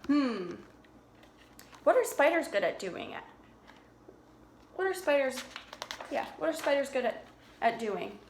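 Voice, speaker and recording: In an echoey room with slight background noise, a woman with a high, very animated voice reads a picture book to young children slowly, leaving long pauses. She explains things simply and asks them questions, much as a preschool teacher would.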